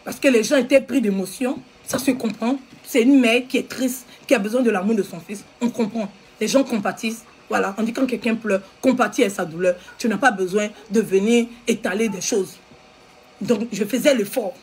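A woman with an Ivorian French accent rants at her viewers in a raised, scolding voice, hammering the same phrases again and again. Her voice sits high and has a husky edge. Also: moderate pace, darkish tone. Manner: heated, repetitive, scolding the audience. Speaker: social media commentator. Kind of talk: angry live video rant.

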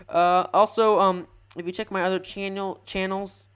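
Rambling young man, smooth higher voice. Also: a little slow. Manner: rambling, self-correcting, excitable. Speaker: gaming channel host. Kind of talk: live gameplay commentary.

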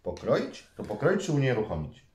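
Animated dad unboxing toys, echoey room. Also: male voice, medium pitch, normal speed, slight background noise. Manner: animated, builds suspense, talks to viewers. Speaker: father co-hosting a toy unboxing channel. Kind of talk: playful unboxing chat with his son.

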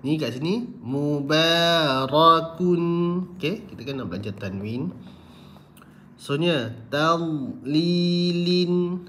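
A man with a Malaysian accent teaching Quran letter pronunciation, drawing out model words slowly and then murmuring quick, quieter corrections. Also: medium pitch, lively intonation, a little hiss or hum. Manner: addresses listeners as tuan-puan. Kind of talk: slow, patient recitation lesson.

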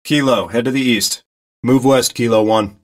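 In a game role, a male actor plays a steady military reconnaissance pilot spotting for a ground squad, his mid-range, natural voice at a moderate pace. His radio commentary is terse, clipped and commanding, focused and calm under pressure.

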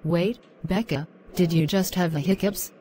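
A woman's voice: lowish voice, measured pace, warm tone, natural voice. A synthetic female text-to-speech voice playing an indignant young cartoon girl.

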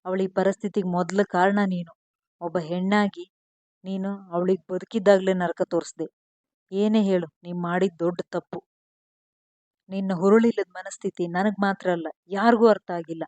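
A woman's voice: medium pitch, fairly even intonation, moderate pace, a little mellow, no echo, close to an everyday voice. A woman voicing a young husband fiercely devoted to his wife. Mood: reproachful.

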